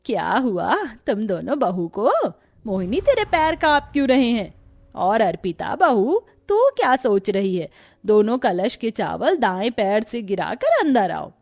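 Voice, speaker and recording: A woman voicing a brisk, strict-seeming but kind middle-aged mother-in-law in a cartoon story. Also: fairly high pitch, sing-song, vocal fry, a little mellow, exaggerated voice. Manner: scolding, teasing.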